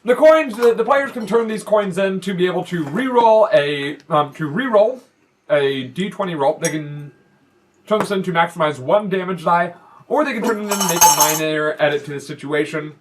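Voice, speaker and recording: A man's voice: sits high, normal speed, a little hiss or hum. A man running a tabletop game as game master, chatty and self-deprecating, with plenty of fillers.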